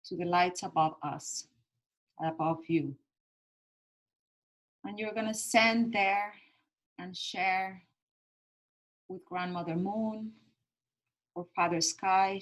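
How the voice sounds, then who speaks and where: A woman meditation guide speaks in a slightly low voice at a very slow pace. She leads a calm grounding exercise with gentle, soothing instructions. Her short phrases are set apart by pauses. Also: poor audio.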